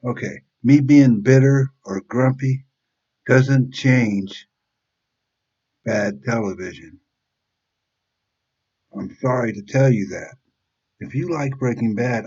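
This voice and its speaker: A man's voice: medium pitch, a little mellow, slightly rough, muffled recording. A man in his fifties hosting a reaction channel, talking bluntly and rambling in a casual monologue, swearing freely. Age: 50s. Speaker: YouTube reaction channel host.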